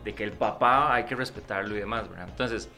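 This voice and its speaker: A man's voice: lowish voice, brisk, pushed and bright, soft background music. A man in casual conversation, often tagging his sentences with questions. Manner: chatty, frequent "¿verdad?" tags.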